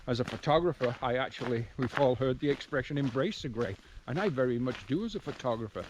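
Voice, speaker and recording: A man's voice: medium pitch, animated, fast talker. A man talking casually to viewers as he walks outdoors, musing and often interrupting himself in a rambling way. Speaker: hiking vlogger. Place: outdoors, walking on a rural trail and country road. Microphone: handheld camera. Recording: outdoor background noise. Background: outdoor ambience with noise.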